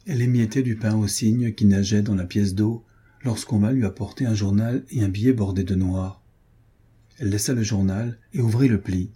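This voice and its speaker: A man narrates a novel in a measured, composed way. His voice sits low, very dark and mellow, with a husky grain. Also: fairly even intonation. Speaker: audiobook narrator. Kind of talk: scripted narration.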